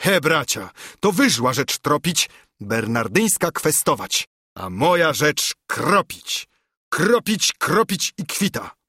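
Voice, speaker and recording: A man voicing a loud, boisterous nobleman who shouts that he only wants to fight. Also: on the high side, very animated, slow pace, slightly rough, no room sound, clean studio sound, full character voice. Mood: rowdy shouting.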